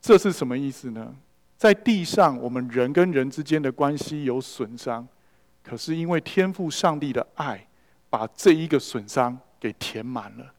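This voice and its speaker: A man's voice: mid-range voice, expressive, moderate pace, a little mellow. A man preaching a sermon in a church hall and telling stories, slipping English words into his speech. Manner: storytelling preacher who mixes in English words. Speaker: pastor. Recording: long reverb of a large hall.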